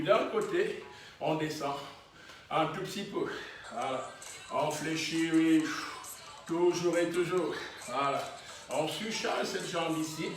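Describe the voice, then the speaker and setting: Man, fitness instructor, short encouraging cues, slow delivery, very echoey room. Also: on the high side. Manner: short encouraging exercise cues, chuckles often. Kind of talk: workout class instruction. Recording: very echoey room, voice from a distance, faint music.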